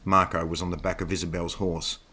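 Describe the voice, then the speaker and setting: A man narrating a werewolf horror story in a steady, scripted reading. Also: sits low, brisk, husky.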